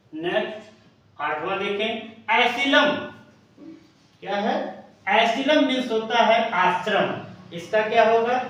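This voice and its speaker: Slow high-voiced male teacher in an echoey room. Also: fairly bright tone, recorded from a distance. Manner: slow, explains each word in turn and spells it out letter by letter. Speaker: English teacher. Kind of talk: classroom grammar lesson. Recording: echoey room, voice from away from the mic, faint noise.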